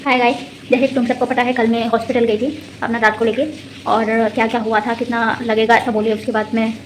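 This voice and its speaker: A woman's voice: fairly high pitch, flat delivery, brisk, slight background noise, rough recording. A young woman vlogging casually in a rambling, exasperated way, her speech slightly slurred from dental anesthesia. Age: young adult. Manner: chatty, rambling, exasperated asides. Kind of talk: casual vlog chat. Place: hostel room.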